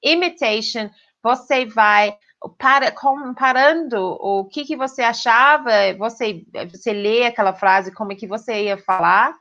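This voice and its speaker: A woman's voice: on the high side, unhurried, sharp tone, dull audio. A woman with an English accent, a native English speaker, giving an online pronunciation lesson and checking in often with her students. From Britain. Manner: clear teaching tone with frequent "ok?" check-ins. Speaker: English teacher.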